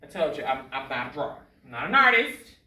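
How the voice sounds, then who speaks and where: A woman teacher giving a recorded lesson to young children, slow, patient and sing-song, stretching words out as she writes. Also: rumbling low, very animated, bright, forceful tone, far from the mic. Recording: echoey room, off the mic.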